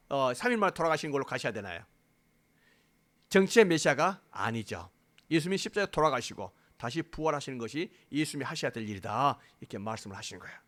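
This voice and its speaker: A man's voice: sits high, a bit bright. A man preaching a sermon to his congregation as pastor, speaking emphatically, asking them questions and acting out quotes. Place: church sanctuary.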